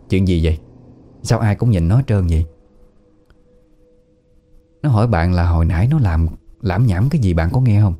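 Low-voiced Southern Vietnamese storyteller man. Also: dark tone. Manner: plain conversational retelling with southern colloquial words. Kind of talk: narrating a listener's spooky family story.

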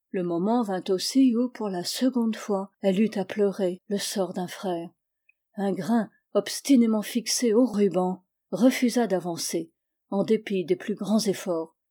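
Une femme qui lit un conte de fées d'une narration mesurée et expressive. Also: female voice, mid-range voice, unhurried. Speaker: storyteller. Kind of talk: fairy tale reading.

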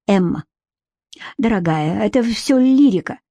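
A woman's voice: mid-range voice, animated, unhurried, dark tone, dry recording. A woman reading the part of an irritable, stubborn middle-aged man in an audiobook, curt and exasperated. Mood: hurried.

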